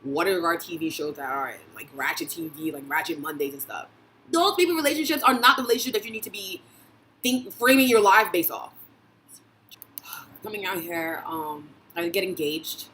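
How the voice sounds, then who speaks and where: A woman's voice: lowish voice, animated, moderate pace, fairly bright tone, slight background noise, rough recording. Passionate blunt young woman vlogging. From Brooklyn, New York. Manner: passionate, blunt, swearing, laughing often. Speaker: vlogger and dating blogger. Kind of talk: casual opinion monologue.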